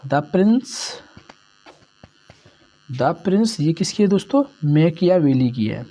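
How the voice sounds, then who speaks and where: Mellow-voiced man tutoring for exams. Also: a little high, very animated, slow pace. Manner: repeats each answer, keeps saying "friends". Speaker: exam-prep tutor. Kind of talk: exam-prep lesson.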